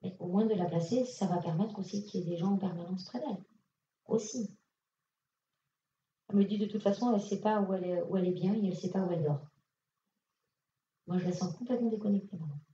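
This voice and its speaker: A woman medium talks casually and directly to an audience member, with plenty of fillers. Her voice is mellow and sits in the middle of the range. She is picked up from afar, dull and roomy, in a conference hall. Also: medium pitch, fast, pauses often, slight background noise. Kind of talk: public mediumship reading. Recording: echoey hall, distant lo-fi mic.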